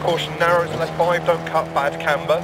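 A man playing a brisk, focused rally co-driver in a racing game, calling rapid clipped pace notes. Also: fairly high pitch, little pitch movement, loud music behind the voice, natural voice. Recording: loud car engine noise. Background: roaring rally car engine.

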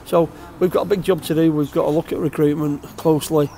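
An older man, a football manager, giving a post-match interview in an empty outdoor stadium stand, halting and repeating his words. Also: on the high side, fairly even intonation, dark tone.

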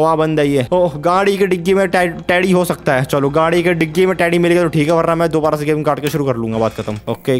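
A man giving comedic gameplay commentary, excitable, often yelling and groaning in frustration and repeating short phrases over and over. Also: fairly high pitch, clean tone. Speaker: gaming commentator.

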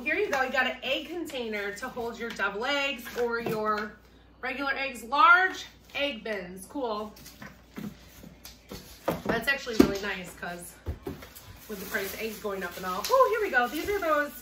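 A woman's voice: fairly high pitch, lively intonation, measured pace, pauses often. Chatty woman unboxing in an echoey room. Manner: chatty, upbeat, thinks aloud. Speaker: reseller vlogger. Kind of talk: casual unboxing chat. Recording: echoey room, mic at a distance, noisy.

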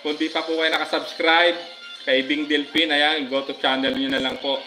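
A man with a Filipino accent, chatting casually on a live stream, giving viewers shoutouts with many fillers. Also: on the high side, flat delivery, normal speed, faint music behind, poor audio. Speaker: livestream vlogger.

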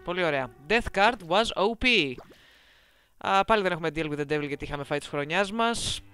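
A woman gives chatty let's-play commentary close to her microphone, with a bright, forceful tone. She is playful and teasing as she talks to her viewers. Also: fairly low pitch, expressive, smooth, faint music behind. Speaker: gameplay commentator. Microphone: close desk microphone.

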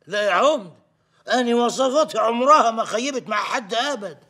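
An actor with an Egyptian accent playing a cheeky, self-assured village folk healer. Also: male voice, very high-pitched, animated, brisk, bright, forceful tone, exaggerated voice. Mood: sly. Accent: Egyptian Arabic.

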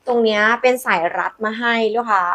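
A woman hosting a live sales pitch, demonstrating products in a chatty, coaxing way with polite endearments to customers. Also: a little fast, fairly bright tone. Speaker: live-selling host presenting handbags.

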